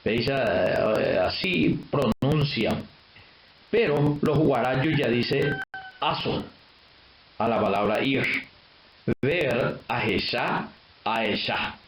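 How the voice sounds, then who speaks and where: A man with a Paraguayan Spanish accent giving a lecture, explaining hesitantly and pausing on frequent filler sounds. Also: medium pitch, animated, roomy sound, a little hiss or hum, low-quality recording. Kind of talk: lecture on language history.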